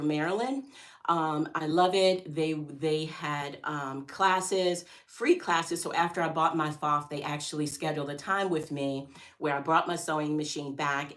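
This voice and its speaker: A woman chatting excitedly in a home sewing vlog, calling her viewers y'all and guys. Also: low voice. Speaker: sewing vlogger.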